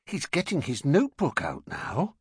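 A man's voice: fairly high pitch, wildly swooping pitch, moderate pace, slightly rough, no echo, studio quality, voice pushed up, full character voice. A man voicing a worried, fussy middle-aged wife in an audiobook. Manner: worried, fussing.

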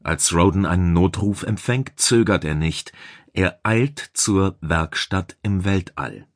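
A man reading a science fiction audiobook in calm, measured narration. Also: low-pitched, no room sound, clean studio sound. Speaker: audiobook reader.

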